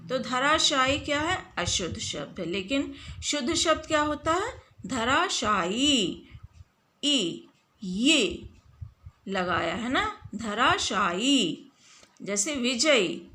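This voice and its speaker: A woman teacher giving a spelling lesson, slowly stretching out words and asking her pupils questions. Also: high-pitched, sharp tone.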